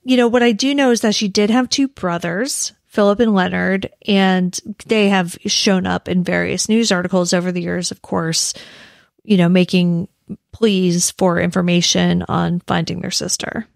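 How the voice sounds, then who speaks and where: A woman with an American accent and a creaky voice, telling true crime stories conversationally as a podcast host. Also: on the low side, fairly even intonation, moderate pace, no room sound, clean studio sound. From United States. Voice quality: creaky vocal fry. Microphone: close podcast microphone in a dry room.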